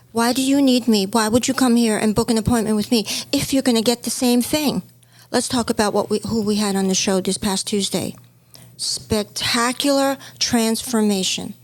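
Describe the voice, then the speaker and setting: In a rough recording, a podcast co-host and stylist born in Hong Kong tells her story with warm, storytelling nostalgia during a casual chat. She speaks at normal speed in a voice on the high side, and Chinese is her first language.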